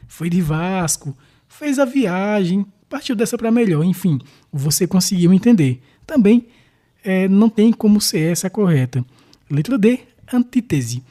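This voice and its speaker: Methodical Brazilian teacher with a mellow voice. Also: medium pitch, lively intonation, normal speed. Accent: Brazilian Portuguese. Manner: methodical, explains step by step. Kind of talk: exam question walkthrough.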